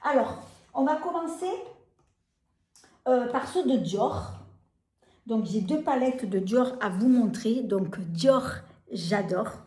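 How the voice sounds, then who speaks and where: Slow, gushing French woman in an echoey room. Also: a little high, expressive, a little mellow. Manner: hesitant, many fillers and repeated words; gushing, enthusiastic over products. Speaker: beauty vlogger. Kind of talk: casual product demo.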